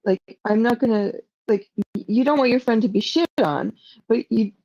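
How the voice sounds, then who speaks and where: Rambling, emotional woman streamer with a gravelly voice. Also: fairly high pitch, moderate pace, dark tone, no room sound, dull audio. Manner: rambling, emotional, self-doubting; frequent "like" fillers. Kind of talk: casual livestream talk to chat.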